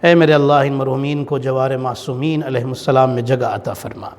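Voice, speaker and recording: A man's voice: mid-range voice, fairly even intonation, darkish tone. A man leading a mourning gathering, preaching with passion and rising into a wailing chant. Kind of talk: Urdu majlis sermon with mourning recitation. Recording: long hall reverb.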